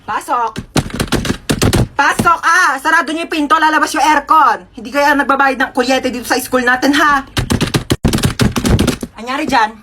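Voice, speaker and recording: A woman acting out playful comedy skits with bursts of shouting. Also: high voice, normal speed, long pauses, heavy background noise. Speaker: comedy skit creator.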